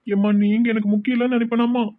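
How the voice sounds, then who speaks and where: A woman voicing a hesitant grown son with a Tirunelveli Tamil accent, halting and pleading. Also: fairly high pitch, flat delivery, no echo, natural voice. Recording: dry and muffled.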